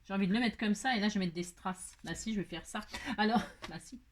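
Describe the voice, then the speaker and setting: A card-making crafter hosts a casual tutorial on her channel, thinking aloud and chatting to herself as she works. Her mid-range voice moves fast, with a little hiss or hum in the recording. She signs off with warm, affectionate goodbyes to her viewers.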